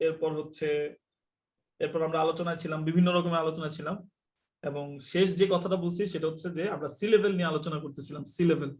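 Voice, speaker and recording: A man teaching a live online English class, explaining quickly and telling students to mute their mics. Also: fairly high pitch, fairly even intonation, a little mellow. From Bangladesh.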